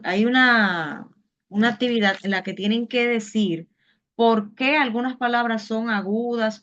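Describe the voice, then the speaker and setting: A woman's voice: a little high, fairly bright tone. Patient woman teacher on a dull call. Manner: patient, explains step by step with questions. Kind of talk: online Spanish class.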